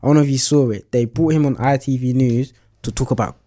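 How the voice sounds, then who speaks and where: Laid-back man, podcast co-host, slangy casual talker, middle pitch. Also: fairly even intonation, fast, mellow. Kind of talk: casual chat.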